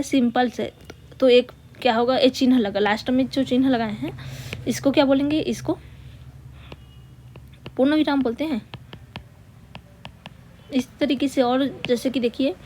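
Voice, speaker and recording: A woman teaching a grammar lesson, patiently repeating key words, asking rhetorical questions and dictating slowly word by word as she writes. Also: high voice, a little mellow, slight background noise.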